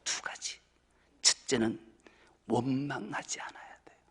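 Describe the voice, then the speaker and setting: A male pastor preaching a sermon, swinging between loud exclamations and hushed whispers. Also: medium pitch, fairly even intonation, measured pace, breathy edge. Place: church sanctuary. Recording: church hall with long reverb.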